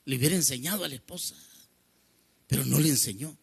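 A man's voice: mid-range voice, quick pace, vocal fry, husky. A man preaching a sermon. He reads scripture, calls listeners "brother" and acts out the quarrel in quoted lines.

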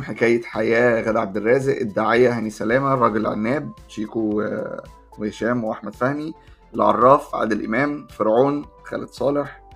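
A man with an Egyptian Arabic accent talks very quickly in a casual podcast chat. His voice is gravelly and slightly husky, with frequent vocal fry, at a medium pitch. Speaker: podcast co-host. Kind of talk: casual chat between friends.

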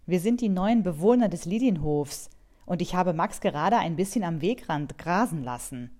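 A woman voicing a curious young girl who loves ponies, in a children's storybook, earnest and lively. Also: fairly low pitch, moderate pace.

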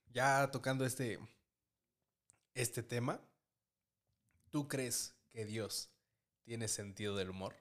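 A man's voice: mid-range voice, extremely slow, pauses often. A man with a Mexican accent hosting a podcast in casual chat, with frequent repeated words and a questioning "right?" tag. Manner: relaxed, repeats words, tags "¿no?". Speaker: podcast host.

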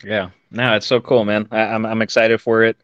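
Laid-back male podcast host, smooth voice. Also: lowish voice, level tone, moderate pace, a bit bright, no room sound. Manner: laid-back, friendly "man" and "dude". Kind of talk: casual interview chat. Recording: dry, slightly dull mic sound.

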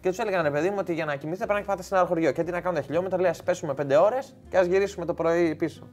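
Man, casual storytelling, animated, slightly high voice, faint music behind. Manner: animated, laughing storyteller, repeats "ρε φίλε".

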